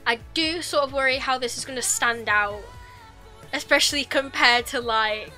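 A young woman with a slightly high voice hosts casual reaction commentary from a small room at home, using a desk microphone and wearing headphones. Her chatter is bright and gushing, with frequent self-correcting restarts.

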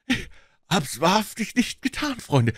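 A man puts on a terrified accused man who is sobbing and pleading, his voice pushed far above its usual low register. The pitch swings widely as he begs, and the sound is dry and close. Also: sing-song, unhurried, breathy edge, no room sound, exaggerated voice. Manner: pleading, tearful. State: crying. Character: frightened, sobbing grown man accused of murder.

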